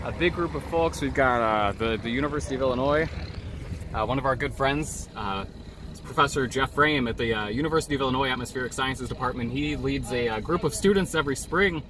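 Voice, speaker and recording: A man giving a casual storm-chasing vlog update, speaking in a hesitant, halting way. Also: medium pitch. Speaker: storm chaser vlogger. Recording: very loud wind and vehicle noise.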